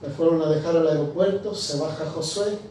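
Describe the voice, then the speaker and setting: A man's voice: fairly high pitch, a little fast, slight background noise. A male pastor preaching a sermon, telling stories with animation and acting out the dialogue. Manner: animated storytelling, acts out dialogue. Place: church. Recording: echoey church, distant mic.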